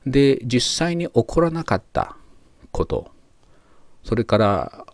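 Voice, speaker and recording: A man teaching English grammar, reading model sentences slowly and carefully with pauses. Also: mid-range voice, big pitch swings, creaky, dry recording. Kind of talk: explaining grammar to learners.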